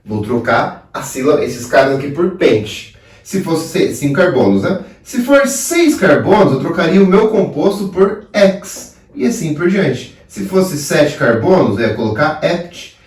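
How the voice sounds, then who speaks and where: A man's voice: fairly high pitch, big pitch swings, unhurried, a little mellow. A man with a Brazilian Portuguese accent teaching a chemistry lesson, asking himself questions and answering them. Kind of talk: video lesson explaining at a board. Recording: roomy sound, voice a bit far from the mic.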